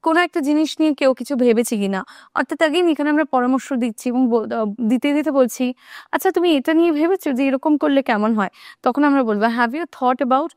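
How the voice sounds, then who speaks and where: Woman, English teacher, smooth crisp voice, dry close sound, slow careful English examples. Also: high voice, a little mellow, dry recording. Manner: slow careful English examples inside quick Bengali explanations; checks in often with listeners. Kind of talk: video lesson explaining English phrases in Bengali.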